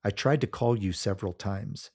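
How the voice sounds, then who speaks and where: A man's voice: fairly low pitch, creaky, a little mellow. A man playing a polite, sombre police officer in a narrated story, speaking formally and matter-of-factly. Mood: sombre, official. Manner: formal, measured, matter-of-fact. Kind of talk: scripted story dialogue.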